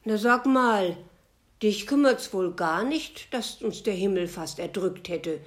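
A woman's voice: medium pitch, lively intonation, slow, voice pushed up. A scolding eagle, as a woman puts it on. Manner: loud, scolding. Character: scolding eagle, proud and cross.

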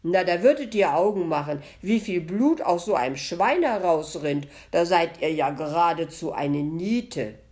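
A woman playing a jovial male village butcher who talks loudly and teasingly in a read-aloud story. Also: medium pitch, sing-song, unhurried, pitched above the performer's own voice. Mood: scornful hearty. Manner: loud, mock-cheerful, teasing.

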